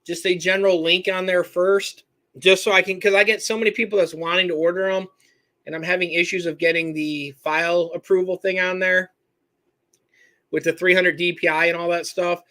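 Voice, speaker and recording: A man's voice: sits high, flat delivery, normal speed, sharp tone. A man from Michigan hosting a live-stream Q&A, answering viewers in a rambling, self-correcting way and reading their names from the chat. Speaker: host answering viewer questions.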